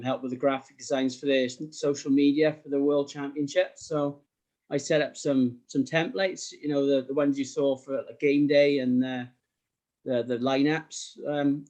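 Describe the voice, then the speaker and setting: A middle-aged man from the South Wales Valleys, a sports graphic designer appearing as a podcast guest, chats casually in an interview. His voice is fairly high with a darkish tone, and he comes across as modest and hesitant.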